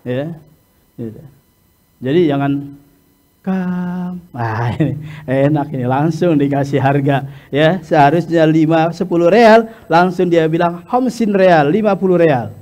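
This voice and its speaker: Lively man teaching hajj pilgrims. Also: a little high, a little slow, long pauses. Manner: peppers talk with "ya" and chuckles. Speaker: hajj instructor. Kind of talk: religious lesson lecture.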